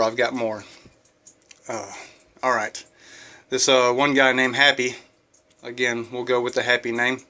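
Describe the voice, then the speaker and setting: A man's voice: mid-range voice, pushed and bright. A man telling jokes casually to his viewers, folksy and full of filler uhs. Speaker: joke-telling vlogger.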